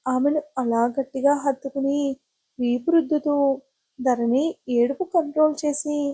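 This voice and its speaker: High-voiced woman storyteller. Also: moderate pace, low-quality recording. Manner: gentle, expressive storytelling. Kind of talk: scripted narration of an audio love story.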